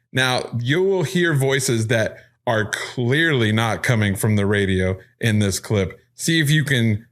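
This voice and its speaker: A man hosting a paranormal podcast, talking casually in a middle-range voice. He walks through each recorded clip step by step, sounding excited as he explains what can be heard. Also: mid-range voice. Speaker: podcast host.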